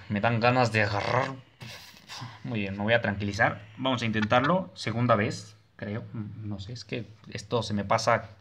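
A jumpy young man narrates his horror game run, his bright, forceful voice jumping into yelps and curses. He keeps coaxing himself to calm down between scares. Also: mid-range voice. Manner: nervous, jumpy, swears and yelps. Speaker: gaming streamer.

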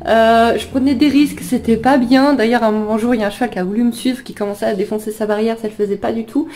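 A woman in her thirties, sniffly with a slight cold, tells personal stories to the camera from her living room as an animal vlogger, chatty and often interrupting herself. Her voice is fairly high and darkish in tone, steady and fast. A little hiss or hum sits under the recording.

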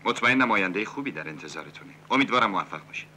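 A man playing a scheming, smooth-talking cabaret owner in a dubbed 1970s film. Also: on the low side, expressive, bright, forceful tone, a little hiss or hum. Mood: persuasive.

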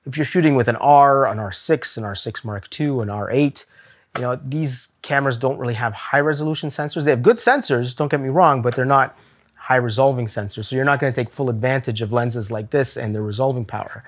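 A man reviewing camera gear straight to camera in a relaxed, talkative way. He gives blunt opinions and breaks into little laughs as he goes, with an ordinary, mid-range voice. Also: mid-range voice, brisk. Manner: chatty, laughs often, candid opinions. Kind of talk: casual gear review vlog. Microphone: camera-mounted shot on a zoom lens.

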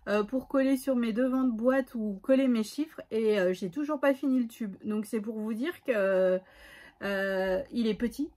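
Casual woman vlogger, slightly high, rambling with fillers. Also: unhurried, dark tone. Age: adult, has a son. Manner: chatty, hesitant, many fillers. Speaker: scrapbooking vlogger. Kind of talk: casual haul chat.

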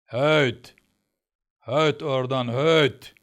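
A man voicing a stern, quick-tempered old male tutor who shouts and scolds. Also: medium pitch, lively intonation, pitched above the performer's own voice, natural voice. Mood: angry shouting.

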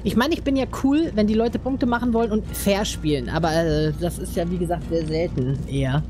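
A woman's voice: lowish voice, fairly quick, over music. A woman chatting casually and giggling while playing an online game with friends. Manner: chatty, giggly, lively storytelling. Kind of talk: casual let's-play chat.

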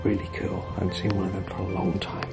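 Loud music plays behind this English vlogger's low, quick voice. In his thirties, he explores an abandoned house on a handheld camera mic, chatting casually and exclaiming with awe as he moves around.

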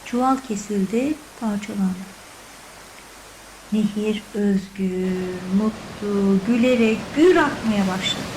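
A woman narrating a children's story in an expressive, measured storytelling voice. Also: medium pitch, a little hiss or hum, low-quality recording.

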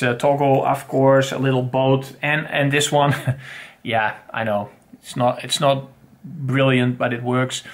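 A middle-aged man with a fairly high, fairly bright voice reviews pocket knives on his own channel, recorded with a desk webcam in a home study full of bookshelves. His delivery is casual and rambling, packed with fillers and false starts.

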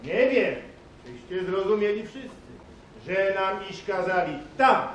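A man's voice: high-pitched, lively intonation, unhurried, fairly bright tone. A man playing a thoughtful shepherd in a school nativity play, explaining things to his companions. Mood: earnest. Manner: reasoning, explaining to the others. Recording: echoey hall, distant mic, noise.

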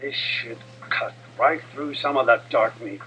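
A man's voice: mid-range voice, a little slow, lightly acted. An actor playing a joking male prison inmate in a video game, with an offhand, wisecracking way of talking. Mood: wry. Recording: dull game audio with faint noise.

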